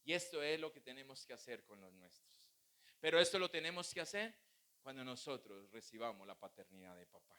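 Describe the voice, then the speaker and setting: A man's voice: medium pitch, very animated, a little fast, pushed and bright. A male pastor preaching a sermon, mixing humorous family stories with teaching. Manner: humorous, anecdotal preaching with acted quotes.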